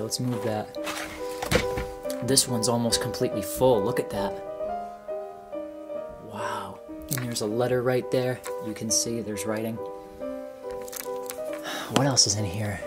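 Over background music, a twenty-something man vlogs his exploration of an abandoned house's interior, wondering aloud in a casual way. He speaks at a medium pitch in a steady tone, a little slowly, with long pauses.

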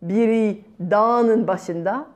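A middle-aged woman, a children's storyteller, performs a fairy tale expressively with dramatic pauses in a mid-range voice. She's in a bright room at home by a window, recorded on a small clip-on lapel mic.

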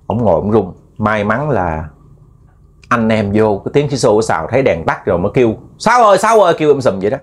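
A man's voice: on the low side, brisk, darkish tone, slightly rough. Southern Vietnamese man telling ghost stories. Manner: chatty, repetitive, addresses listeners as family. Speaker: ghost storyteller. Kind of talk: casual spoken storytelling.

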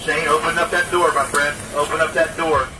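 A police lieutenant, a man, negotiating with a suspect through a loudspeaker, repeating firm commands and calmly pleading. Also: fairly high pitch, fairly quick. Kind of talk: live police standoff negotiation. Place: outdoors at a roadside scene. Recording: distant loudspeaker voice over roadside noise.

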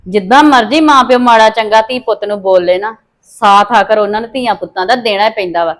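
A woman with a Punjabi accent playing a bitter, scheming daughter-in-law who speaks in sharp, scornful retorts. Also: mid-range voice, fast talker, natural voice. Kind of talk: amateur family drama acting.

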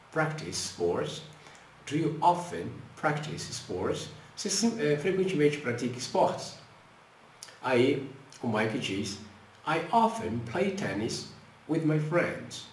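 A Brazilian man teaching an English lesson, explaining in Portuguese and slowly repeating English phrases for the learner. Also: mid-range voice, a little mellow, roomy sound, a little hiss or hum. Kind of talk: language lesson.

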